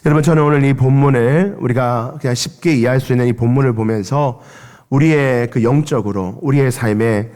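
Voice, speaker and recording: A man preaching a Sunday sermon as pastor in a church, impassioned, rising and falling sharply in pitch and loudness as he leads the congregation in reading aloud. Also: fairly quick. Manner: impassioned, with dramatic swings of pitch and level. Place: church sanctuary. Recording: long church reverb.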